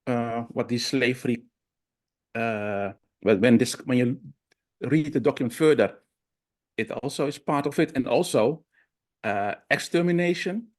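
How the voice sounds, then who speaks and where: Man, plain middle voice, halting seminar speaker on a video call. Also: medium pitch. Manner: halting, many fillers and restarts. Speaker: discussion participant. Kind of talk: online seminar discussion.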